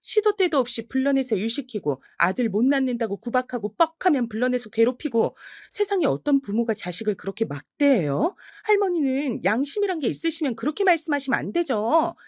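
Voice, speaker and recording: A woman's voice: big pitch swings, a little fast, hardly any pauses, no room sound, clean studio sound. A woman playing a fiery young daughter. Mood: defiant. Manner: sharp, defiant and high-pitched. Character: bold young daughter standing up for her mother.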